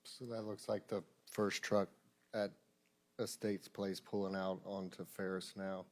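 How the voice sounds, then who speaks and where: A man's voice: low voice, level tone, unhurried, darkish tone. A man testifying as a witness in a courtroom, giving brief, plain answers in a hesitant way. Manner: hesitant, terse, plain-spoken.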